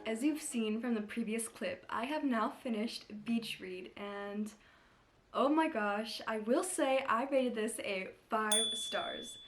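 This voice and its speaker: A young woman vlogging casually about her reading, gushing and chatty with lots of fillers, with soft background music. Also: a little high, takes it slowly, hardly any pauses. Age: young adult. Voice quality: slight lisp from a retainer. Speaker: book vlogger.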